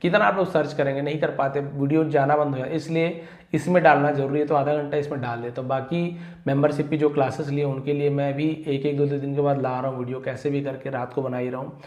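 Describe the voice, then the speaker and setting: A man teaching English vocabulary in a YouTube lesson, stressing each English word loudly before explaining it, sounding tired from long work hours. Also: medium pitch, fairly even intonation, fast talker, reverberant, highs cut off.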